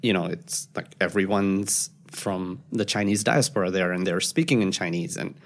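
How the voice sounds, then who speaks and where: A man, a podcast guest who tells stories in a casual, animated way. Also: deep voice, moderate pace. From Pakistan. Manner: animated storyteller, acts out quoted voices. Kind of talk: casual storytelling interview.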